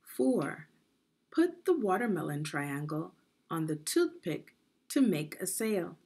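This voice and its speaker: Reading a story aloud for kids, this education consultant has a somewhat low, gravelly female voice. Her pitch moves in lively swings, and she shapes each phrase with deliberate, teacherly care while putting questions to the listener.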